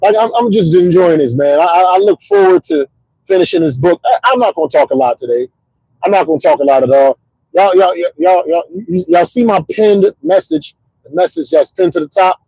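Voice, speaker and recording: Talking fairly quickly in a high, husky voice with vocal fry, a middle-aged livestream host rambles motivationally and animatedly. He repeats himself a lot and keeps asking "you know what I'm saying," all in a poor recording with no room sound.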